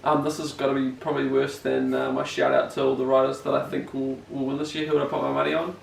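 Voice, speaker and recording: A man's voice: mid-range voice, flat delivery, fast, vocal fry. A young man with a broad New Zealand accent chatting casually as an interviewed rider, rambling, slangy and self-deprecating. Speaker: BMX rider being interviewed. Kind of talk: casual chat. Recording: echoey room, distant mic, faint noise.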